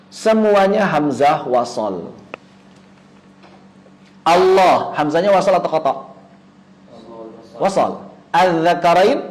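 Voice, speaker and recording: A man with a fairly high voice teaches recitation rules to an online class. He keeps asking questions and then answering them himself. He draws out example words in a slow chant. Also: poor audio. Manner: chants Quranic words slowly and drawn out. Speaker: tajwid teacher. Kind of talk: online lesson.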